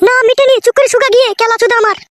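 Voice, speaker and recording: A woman voicing a fierce, bossy young wife in a cartoon, shrill and scolding. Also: fairly even intonation, rapid-fire, no echo.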